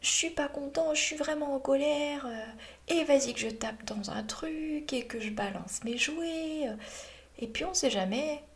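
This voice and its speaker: A woman's voice: high voice, measured pace, voice pushed up. A woman voicing a small, cute, grumpy male inner monster in a whiny tantrum voice. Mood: grumbling angry.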